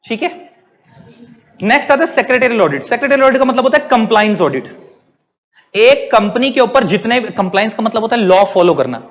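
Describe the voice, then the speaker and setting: A man's voice: very high-pitched, expressive, a little fast, a bit bright, big-room sound. A man teaching a class. He asks his students questions and then answers them himself. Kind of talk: classroom lecture.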